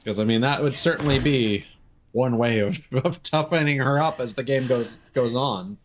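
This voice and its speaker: A game streamer talks at a medium pitch and normal speed, delivering casual, profane live commentary full of sardonic, joking asides. Video game music and sounds play behind him, and there's a little hiss or hum.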